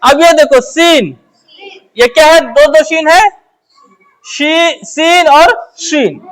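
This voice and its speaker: A woman's voice: sits high, slow. A woman teaching the Urdu script, asking short questions and answering them herself while repeating key phrases. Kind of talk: letter-by-letter script lesson.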